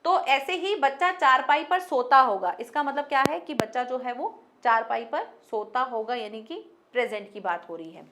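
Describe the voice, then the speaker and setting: A woman's voice: sits high, lively intonation, moderate pace, few pauses, noisy background. A young woman teaching Hindi grammar to students online. She works through everyday example sentences and mixes English words into her Hindi.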